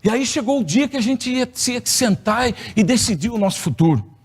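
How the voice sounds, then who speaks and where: A Brazilian man, middle-aged and with a rather high voice, preaches from the pulpit of a church. He tells a personal story with a playful, humorous touch. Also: animated, moderate pace, husky. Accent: Brazilian Portuguese. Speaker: pastor. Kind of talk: sermon testimony. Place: church hall.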